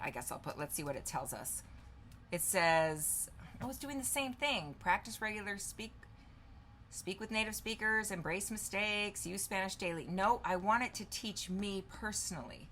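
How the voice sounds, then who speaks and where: With a voice on the low side and a bit bright, a female vlogger in her fifties gives a casual on-camera demo, slight background noise behind her. She's chatty, voicing her thoughts as she types and reading the answers on her screen aloud.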